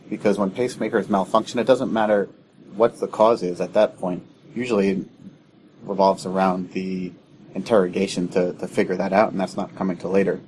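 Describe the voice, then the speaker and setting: Brief: male emergency doctor, very low voice, steady teaching delivery, faint background hiss. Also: poor audio. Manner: measured, teaching tone. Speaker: emergency physician guest. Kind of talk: clinical explanation in a podcast interview.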